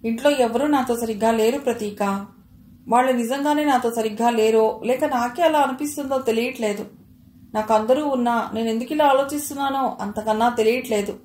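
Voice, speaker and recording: A woman's voice: a little high, brisk, a little mellow, natural voice. Troubled young wife, as a woman reader voices her. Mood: pleading. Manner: pleading, bewildered. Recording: roomy echo.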